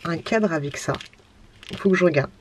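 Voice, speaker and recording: A woman's voice: lowish voice, brisk, slight background noise. A woman in her thirties chatting casually in a home vlog, slangy and giggly as she shows off nostalgic finds. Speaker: vlogger.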